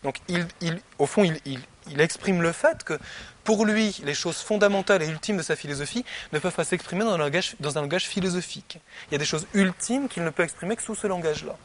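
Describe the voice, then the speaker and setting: A man lecturing on philosophy in a relaxed classroom manner, his voice sitting a little higher than most men's. He keeps checking in with his audience as he goes and talks in loose, spoken sentences rather than polished prose. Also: fast talker. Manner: conversational, peppered with "hein" and "vous voyez".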